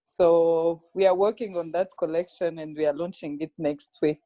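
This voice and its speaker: A woman's voice: on the low side, steady tone, normal speed, mellow, dry recording. A woman from Rwanda, an entrepreneur guest, speaking cheerfully and hesitantly with many uhs on a video call. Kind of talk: casual video-call chat.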